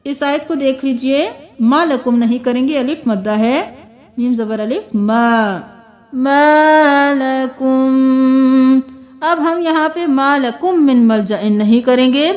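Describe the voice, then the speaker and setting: A woman with a high voice leads a Quran reading lesson. She explains each rule patiently and breaks words down slowly, sounding out one letter and vowel mark at a time. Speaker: Quran recitation teacher.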